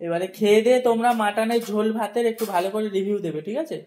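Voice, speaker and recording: Fast-talking young man vlogging. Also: high-pitched, darkish tone, slight background noise. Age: 20s. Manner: chatty, addresses viewers directly. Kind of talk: casual family vlog narration. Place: family home, indoors.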